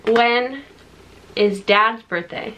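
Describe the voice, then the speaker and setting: A woman's voice: a little high, drawn-out words, pushed and bright, a little hiss or hum, rough recording. Young woman talking with her mouth full. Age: young adult. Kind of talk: casual sibling challenge banter. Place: indoors, small room.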